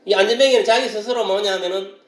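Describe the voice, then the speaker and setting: A man preaching a sermon as pastor, explaining a passage and now and then breaking into loud shouted exclamations. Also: high-pitched, fairly even intonation, fast talker, echoey room.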